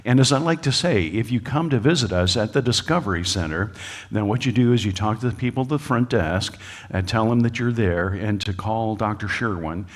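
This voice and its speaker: Fairly quick and low-pitched, the American speaker jokes his way through a creationist talk for a live audience, using plenty of uhs in a folksy style. Big-room sound fills the lecture hall.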